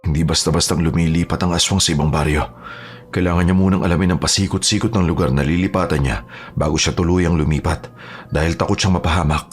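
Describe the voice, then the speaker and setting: A steady aswang hunter in a horror audio drama, played by a man, firm and reassuring. His voice is low and breathy-husky, and he talks fast. Faint music plays behind. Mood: calm.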